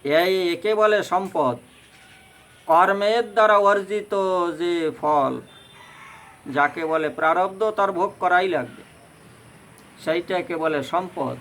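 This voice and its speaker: A man with a Bengali accent giving a fervent devotional sermon on scripture, addressing the listeners as mothers and breaking into slow chanting. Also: sits high, fairly bright tone, rough recording. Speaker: Bhagavata reciter.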